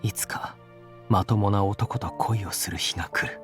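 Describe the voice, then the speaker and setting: A man voicing a melancholy, self-loathing gentleman in a story game, speaking sorrowfully and at times dropping to a soft whisper. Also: fairly low pitch, steady tone, fairly quick, close to an everyday voice. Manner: sorrowful, pained, drops to whispers. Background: game background music.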